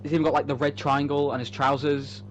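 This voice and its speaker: A co-host chats casually and without a script, rambling enthusiastically and swearing now and then. His voice is on the high side, flat and fast, and the home-made recording has clearly noisy background.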